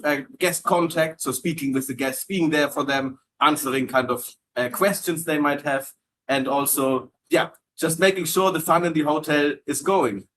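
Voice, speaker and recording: A German man with a fairly high, slightly bright voice hosts a casual live Q&A about hotel entertainment jobs. He's friendly and full of fillers and restarts, repeating words as he reads out comments. The rough recording carries a little hiss or hum.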